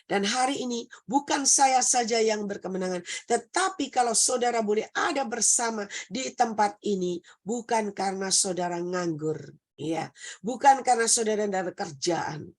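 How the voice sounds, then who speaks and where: A hoarse woman preacher with a nasal voice, giving an impassioned, repetitive sermon over a video call. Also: mid-range voice, normal speed. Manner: impassioned, repetitive, rising to near-shouting.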